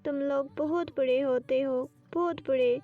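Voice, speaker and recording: A woman's voice: high voice, fairly even intonation, close to an everyday voice. A woman voicing a frightened young bride who accuses men in tearful, pleading words. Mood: upset. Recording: distant dull lo-fi with faint music.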